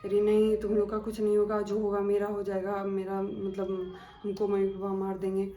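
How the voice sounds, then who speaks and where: Young woman gossiping through a ghost story, mellow voice, echoey room, bit of background hum. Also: mid-range voice, monotone, normal speed. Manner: chatty, dramatic, acts out quoted dialogue. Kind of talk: casual horror storytime. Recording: echoey room with faint ambience.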